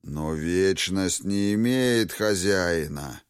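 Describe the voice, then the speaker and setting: A man voicing an ancient, wrathful ghost dragon in an audiobook, speaking slowly and solemnly. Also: sits low, lively intonation, smooth, no room sound, clean studio sound. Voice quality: slow, heavy, solemn delivery.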